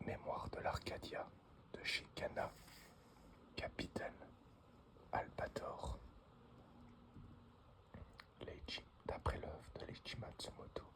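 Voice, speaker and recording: A male ASMR unboxing host breathes a whisper right into the ear, delivering slow, halting short phrases at an extremely slow pace.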